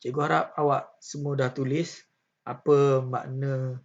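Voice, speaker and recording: A man's voice: mid-range voice, flat delivery, unhurried. A male teacher with a Malaysian Malay accent giving a poetry lesson, patient and questioning, with many filler sounds. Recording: slightly dull lo-fi audio.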